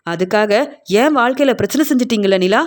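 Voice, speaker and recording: Woman reading an accusing young woman, slightly high voice, argumentative. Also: quick pace, natural voice. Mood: indignant. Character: angry young woman demanding her place in the family.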